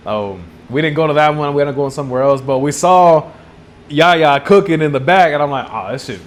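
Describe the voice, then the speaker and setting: A man's voice: fairly high pitch, fairly quick. A young man with a Texan accent, co-hosting a casual podcast chat, rambling through stories with frequent laughs and acted-out quotes. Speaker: podcast co-host back from a trip.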